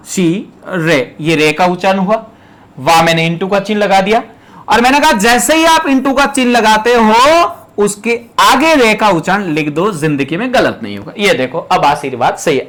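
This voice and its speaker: High-voiced man drilling exam rules. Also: a bit bright. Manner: emphatic, repetitive drilling of rules; addresses students directly, explains step by step. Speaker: teacher. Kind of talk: exam prep lecture.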